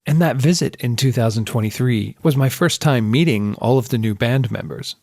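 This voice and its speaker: A man's voice: medium pitch, moderate pace, vocal fry, darkish tone, dry recording, clean studio sound. A man with a Northwestern United States accent, narrating his own music podcast as host and producer, explaining things with friendly asides.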